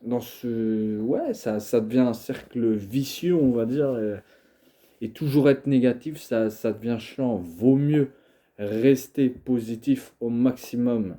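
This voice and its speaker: Talking casually to camera, a young video creator with a cold coughs as he goes. He speaks slowly at a medium pitch with a dark tone, stumbling through fillers and restarts in a hesitant manner.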